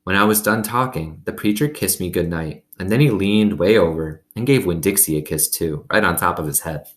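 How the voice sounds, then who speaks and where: Man, low pitch, storybook read-aloud host, expressive narration, conversational asides. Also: brisk. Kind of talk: expressive storybook reading with casual commentary.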